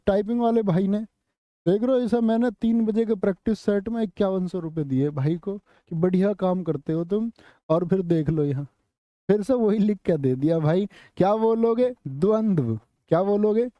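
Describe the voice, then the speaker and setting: A young man teaching a Hindi spelling lesson to exam students. He keeps firing quick questions and pushing them for answers. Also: sits high, warm tone, no echo. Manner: rapid, drilling questions to students. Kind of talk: online exam coaching lesson. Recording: slightly muffled lo-fi audio.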